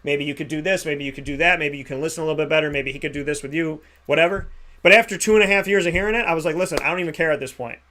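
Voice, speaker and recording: A radio talk show host in his thirties, speaking very fast in a sharp, fairly high voice, gives an emphatic motivational pep talk full of repeated phrases. There is slight background noise.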